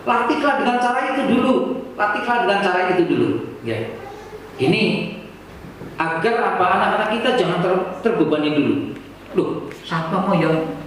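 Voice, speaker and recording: A man with a high-sitting voice and a Banyumasan Javanese accent gives an informal, didactic public address to teachers. He's expressive and a little fast, pausing often, and packs in rhetorical questions and colloquial Javanese. He's recorded from far off in an echoey room with faint noise.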